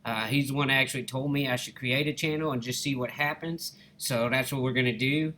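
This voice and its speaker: Over his gameplay, a man from Alabama, United States, offers easygoing, folksy, casual commentary in a Southern Alabama accent, addressing viewers as "guys" and "y'all." He hosts a gaming channel. His mid-range voice is bright and forceful with fairly even intonation and a fairly quick pace, and there's a little hiss or hum.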